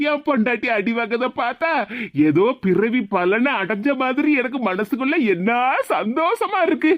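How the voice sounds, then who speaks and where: A woman's voice: on the high side, animated, normal speed, dry recording, dull audio, natural voice. A woman voicing a petty, gloating husband in a cartoon, with a Tirunelveli Tamil accent. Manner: gloating, teasing.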